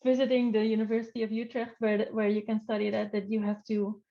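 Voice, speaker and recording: A young Dutch woman from the Netherlands, an animal welfare researcher appearing as a guest, chats cheerfully and easily in English during an interview over a video call. Her mid-range voice is gravelly and level in tone, and she talks fast. The highs in the audio are cut off.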